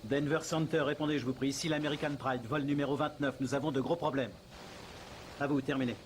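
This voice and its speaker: A man's voice: medium pitch, fairly even intonation, fairly quick. An actor playing a male airline pilot radioing for help on his cockpit headset, using formal radio call phrasing. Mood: measured. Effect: pilot calling on cockpit radio headset. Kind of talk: dubbed film acting. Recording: noisy soundtrack.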